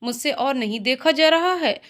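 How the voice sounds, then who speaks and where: Woman reading grieving aunt, reproachful, wailing, high voice. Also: lively intonation, normal speed, fairly bright tone. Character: grieving middle-aged aunt, bitter.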